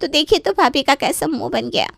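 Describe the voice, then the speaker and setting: A woman's voice: high voice, lively intonation, normal speed, fairly bright tone, clear, resonant tone, no room sound. A woman voicing a scheming young married woman in a cartoon story, taunting and falsely innocent. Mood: whining. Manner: sly, taunting, fake-innocent whining. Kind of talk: Hindi cartoon voice acting.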